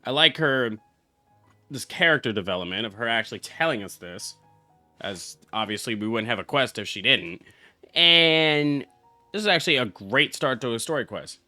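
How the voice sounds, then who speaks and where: A young game streamer gives casual live reaction commentary in a brash, exclamatory, heavily profane way. His mid-range voice sounds pushed and bright, with no room sound. Game music plays in the background.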